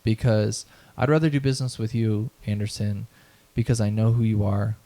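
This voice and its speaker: His voice sits lowish and dark, with fairly even intonation at a normal speed. As an event founder in his thirties being interviewed, he talks earnestly and motivationally about his mission and values, repeating phrases and checking in with "right?"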